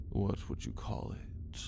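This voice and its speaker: In an ASMR roleplay, a man plays an ancient, arrogant male vampire who theatrically taunts the listener, drawing out his words and partly whispering them. Heavy background noise is present.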